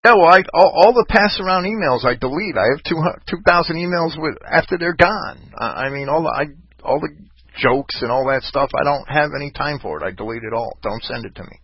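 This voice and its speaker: A man's voice: fairly high pitch, fairly quick, slightly rough, dry recording. A man hosting a casual call-in talk show, rambling and ranting with many restarts. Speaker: podcast host. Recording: dull lo-fi online voice chat.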